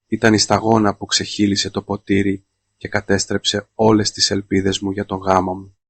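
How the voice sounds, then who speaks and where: A man narrating a scripted first-person story in a flat, monotone reading. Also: fairly low pitch, dry recording.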